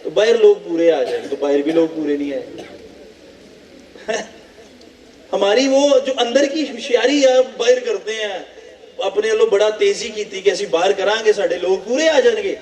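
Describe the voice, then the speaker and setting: High-voiced preacher in an echoey hall. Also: male voice, distant mic. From Pakistan. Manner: animated, repetitive preaching with rhetorical questions. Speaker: pastor. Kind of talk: sermon.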